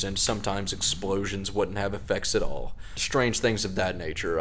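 A man narrating a scripted video essay as a game reviewer, in a measured, opinionated way. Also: low voice, a bit bright, a little hiss or hum.

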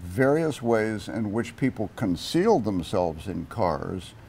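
An older man giving a museum interview in a deliberate, matter-of-fact way. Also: on the low side, very animated, vocal fry, darkish tone, a little hiss or hum. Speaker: museum expert. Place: indoor museum.

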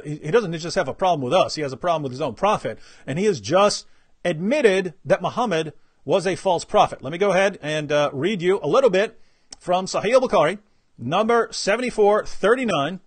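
High-voiced animated male host. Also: fairly quick, slightly rough, dry recording. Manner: animated, laughing, mimics opponents. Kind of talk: live online discussion.

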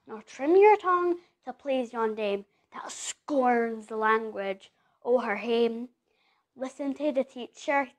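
A woman with a Scottish accent reciting a Scots poem with a rhythmic, lilting delivery and a chanted refrain. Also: high voice. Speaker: poetry reciter. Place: music workshop venue, indoors.

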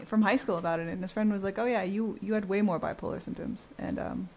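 A woman of ordinary pitch hosts a casual podcast chat. She talks in a relaxed, thoughtful way. She hedges her points with frequent filler words. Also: fast. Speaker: podcast host. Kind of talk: casual conversation.

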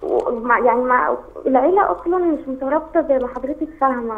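A young Egyptian woman calling in by phone, talking in a rushed, upset and halting way. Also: sits high. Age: young adult. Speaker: caller. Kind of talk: phone call to a live show. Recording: tinny phone line.

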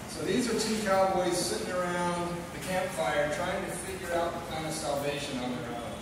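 Man, middle-aged, slightly high voice, informal church talk, very echoey hall. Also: moderate pace. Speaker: church speaker. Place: large hall, filmed from audience. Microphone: handheld microphone through speakers. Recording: echoey hall from far off, noisy.

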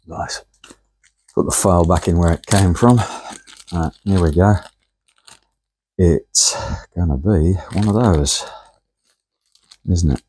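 A man's voice: low voice, a little mellow, slight background noise. A man hosting a model engineering workshop show, chatting viewers through each step as he works at his machines. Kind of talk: casual workshop demonstration. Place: home workshop, indoors. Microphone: camera on a tripod.

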